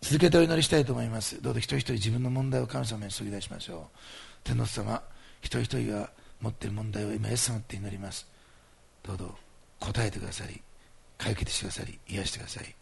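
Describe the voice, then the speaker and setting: A man preaching as a pastor leads a fervent healing prayer, making commanding declarations and earnestly coaxing his listeners. His lowish voice is gravelly and husky, moving fast with fairly even intonation.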